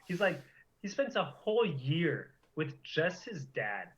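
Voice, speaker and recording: A man's voice: a little high, very animated, takes it slowly, dull audio. A young man co-hosting a casual chat, animatedly retelling and reacting as a fan. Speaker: co-host.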